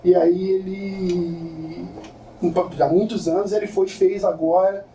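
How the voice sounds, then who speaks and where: A man tells stories in an informal lecture, casual and slangy as he speaks to the room. His voice is mellow and sits back from the microphone. The lecture room rings with echo, and faint ambient noise sits underneath. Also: sits high, a little slow. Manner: casual, slangy, animated storytelling to an audience. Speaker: lecturer and photographer. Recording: echoey room from far off.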